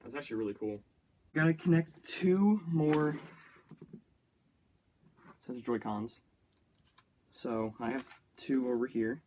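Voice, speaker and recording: Chatty, excitable young man. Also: mid-range voice, takes it slowly, pauses often, slight background noise. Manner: chatty self-talk, easily excited, jokey. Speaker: YouTuber. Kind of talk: casual build-and-play commentary.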